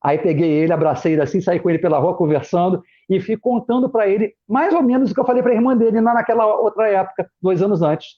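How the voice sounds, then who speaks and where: A fast talker with few pauses, the middle-aged Brazilian guest, formerly a pastor, relates personal stories in a relaxed chat and animatedly voices his children and other family members in quotes. His high, slightly husky voice comes through muffled, lo-fi audio like a streamed call.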